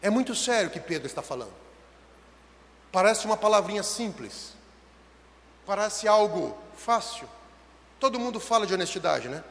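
Impassioned Brazilian preacher in a reverberant hall. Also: male voice, very animated, moderate pace, pauses often. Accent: Brazilian Portuguese. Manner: impassioned, swings between shouting and hushed low tones. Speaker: pastor. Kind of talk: sermon. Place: church hall.

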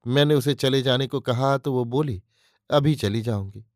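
A man's voice: mid-range voice, moderate pace, darkish tone, no echo, studio quality, lightly acted. A man voicing a humble servant gardener who reports respectfully and a little anxiously. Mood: deferential.

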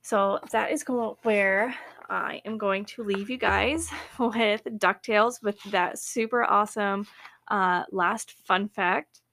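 A woman's voice: mid-range voice, steady tone, takes it slowly, fairly bright tone. A young woman hosting her own podcast, chatting casually and cheerfully with plenty of fillers and little laughs. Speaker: podcast host. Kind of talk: casual solo podcast chat.

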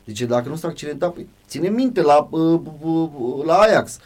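A man who played professional football, chatting casually and telling animated stories, often addressing the host by name. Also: on the high side. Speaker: former footballer guest. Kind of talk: casual podcast chat.

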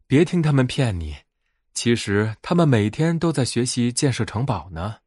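A man's voice: medium pitch, sing-song, normal speed, a little mellow, slightly rough, no echo, studio quality. A man voicing a strict, caring mother groundhog in a bedtime story, speaking firmly. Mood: stern. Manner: firm, stern.

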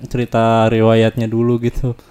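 A young man speaking in a laid-back, drawn-out way in a casual chat with friends. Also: medium pitch, monotone, mellow, a little hiss or hum.

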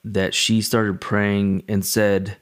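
Speaking as a pastor, a man tells personal stories in a casual, halting, reflective devotional style that stays conversational. His voice is lowish and level in tone.

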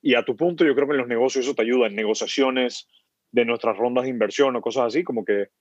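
A startup founder from Ecuador chats casually as a podcast guest, often repeating words while he thinks. His mid-range voice moves at a quick pace, with no room sound, and the recording is dry and dull, muffled.

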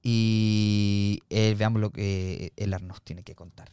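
A man's voice: on the low side, flat delivery, takes it slowly, warm tone, clear, resonant tone, no room sound. A man co-hosting a podcast in casual chat, affirming his partner with repeated short agreements. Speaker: podcast co-host.

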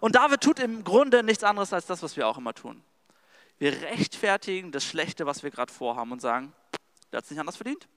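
German-speaking preacher guy, high smooth voice, chatty slangy sermon. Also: big pitch swings, fairly quick, a bit bright, long reverb tail. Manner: casual and slangy storytelling, addresses the audience directly.

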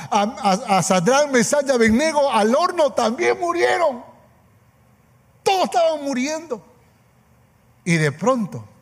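A man preaching a sermon with emphatic repetition, calling on the congregation for an amen. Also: high voice. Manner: emphatic, calls for amen, repeats phrases. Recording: long hall reverb.

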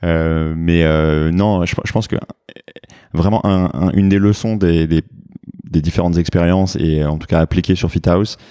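A man's voice: low-pitched, fairly even intonation, moderate pace, warm tone, smooth, no echo. A French man with a French accent, a fitness studio founder, speaking hesitantly with many fillers in a business interview. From France.

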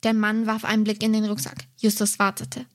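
A woman reading a detective story aloud in a steady, measured way. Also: medium pitch. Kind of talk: reading a novel excerpt aloud.

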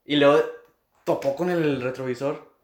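A young Mexican man in casual chat, telling a story in animated, slang-heavy speech. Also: mid-range voice, normal speed. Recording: roomy echo.

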